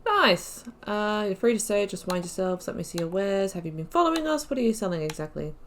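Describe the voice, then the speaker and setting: Speaking a bit quickly with an expressive, mid-pitched voice, this woman is a gaming YouTuber narrating a casual playthrough. She reads the dialogue choices out loud and muses to herself, over a slight background hiss or hum.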